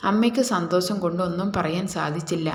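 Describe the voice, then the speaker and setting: A woman's voice: lowish voice, fast, reverberant. A woman with a Malayali accent reading a romance story aloud, voicing both the husband and the wife in the dialogue. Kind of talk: scripted romance narration.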